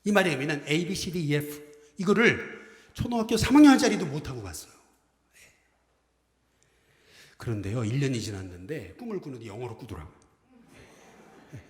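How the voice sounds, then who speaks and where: Speaking at a moderate pace with long pauses, this middle-aged man's slightly high voice carries through the church sanctuary as he preaches the Sunday sermon as senior pastor. He stays lively, acting out quoted phrases and guiding the congregation through call-and-response greetings, all under the long reverb of an echoey hall.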